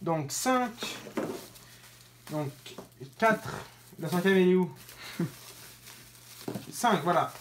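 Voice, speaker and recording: A woman's voice: lowish voice, lively intonation, extremely slow, long pauses, noisy background. A woman hosting her own channel, giving casual unboxing commentary to viewers, hesitant, with many fillers and self-corrections. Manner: informal, talks straight to viewers. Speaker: fireworks channel host.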